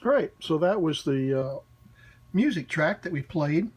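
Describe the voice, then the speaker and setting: Slow-talking man over loud hum. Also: on the high side. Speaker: demonstrator of a vintage wire recorder. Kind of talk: unscripted hands-on demonstration. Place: small cluttered indoor workshop. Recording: noisy, with steady electrical hum.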